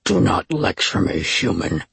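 A woman narrator voicing a huge, impatient male oni demon with a deep, rumbling growl. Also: sing-song, unhurried, gravelly, breathy edge, dry recording, full character voice. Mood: menacing. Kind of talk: audiobook character voice.

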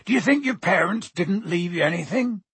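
A big, friendly giant of a gamekeeper, acted out by a male storybook reader, speaks with a very husky, gruff edge. His talk is folksy and colloquial, hearty and proud, and it is recorded close and dry. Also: sits high, expressive, normal speed, fairly bright tone, dry recording, voice pushed up, full character voice. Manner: folksy, colloquial, dropped words.

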